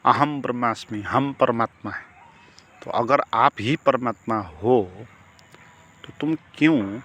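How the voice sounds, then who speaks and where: Slow, reflective male meditation teacher. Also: medium pitch, fairly bright tone. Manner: slow, reflective, with rhetorical questions. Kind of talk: spiritual discourse.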